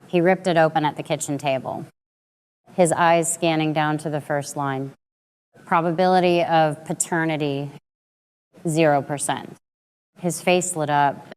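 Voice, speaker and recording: Low, smooth-voiced woman narrating a story. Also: fairly even intonation, darkish tone. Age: late 20s. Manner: measured, dramatic storytelling delivery. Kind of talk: scripted first-person story narration.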